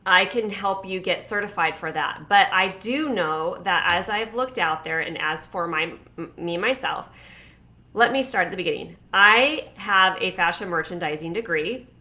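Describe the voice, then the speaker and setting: Talking casually to the camera, this woman in her forties, a fashion stylist and coach, rambles encouragingly with plenty of fillers and false starts. She has a lowish, expressive, bright and forceful voice at a normal pace.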